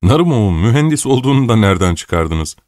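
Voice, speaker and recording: A man's voice: on the low side, big pitch swings, quick pace, darkish tone, dry recording, clean studio sound, pitched above the performer's own voice. A man voicing a polite, teasing young nobleman in an audiobook. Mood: bantering.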